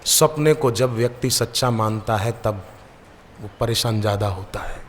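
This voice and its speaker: A man's voice: lowish voice, moderate pace, slight background noise. A male spiritual preacher giving a devotional sermon, telling stories and acting out the people in his anecdotes. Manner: lively storyteller who acts out the people in his anecdotes. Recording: long reverb of a large hall.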